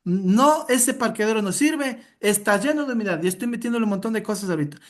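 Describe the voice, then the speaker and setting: A woman's voice: fairly high pitch, lively intonation, fast, close to an everyday voice. A woman playing an angry, demanding male home buyer in a role-play over a video call, insisting and complaining. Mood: indignant.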